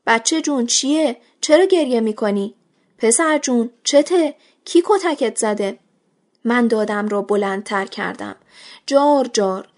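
A woman narrating a literary short story in the first person, in a measured and expressive storytelling manner. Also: fairly high pitch. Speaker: audiobook reader.

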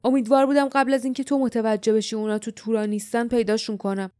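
A woman voicing a stern, cool-headed older male leader, speaking calmly and gruffly with a dry, sardonic edge. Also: fairly high pitch, no echo, natural voice. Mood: bitter.

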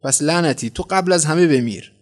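A man voicing a furious, defiant mother who shouts threats in a storybook reading. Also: a little high, pitched above the performer's own voice, natural voice.

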